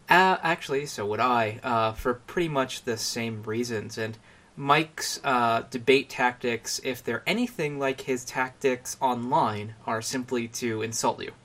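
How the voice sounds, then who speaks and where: A man hosting a casual podcast with a mid-range voice. He reads listener questions aloud, and his pitch jumps up as he starts each new point. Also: measured pace, a bit bright. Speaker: podcast host.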